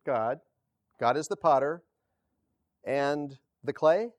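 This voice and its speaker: Pastor, male, casual halting sermon delivery, unhurried, dry close sound. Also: on the high side, lively intonation, dry recording. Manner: halting, self-correcting, chuckles often.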